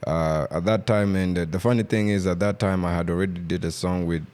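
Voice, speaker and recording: Man, very low voice, hesitant, casual musician guest. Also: steady tone, a little fast, darkish tone, clean tone. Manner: hesitant, searching for words. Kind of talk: casual chat.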